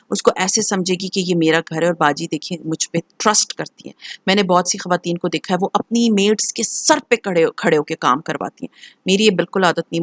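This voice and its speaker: A woman's voice: on the low side, no room sound, clean studio sound. Earnest Pakistani woman giving upbeat advice. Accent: Pakistani Urdu. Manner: earnest, encouraging, mixes English phrases into Urdu. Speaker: lifestyle vlogger. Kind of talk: casual advice vlog. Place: home.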